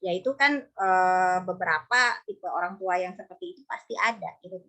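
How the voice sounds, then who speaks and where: A woman's voice: on the low side, normal speed, sharp tone. A woman in her thirties giving parenting advice in a conversational way, often acting out short dialogues between a mother and her child. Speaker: psychologist speaker. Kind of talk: parenting talk in an online study session.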